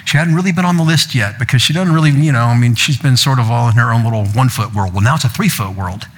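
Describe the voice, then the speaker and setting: An older man delivers a sermon as a pastor, moving into storytelling and briefly acting out family members in higher, playful voices. His voice is slightly husky at a middling pitch. The long reverb of a large hall trails every phrase. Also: fast talker.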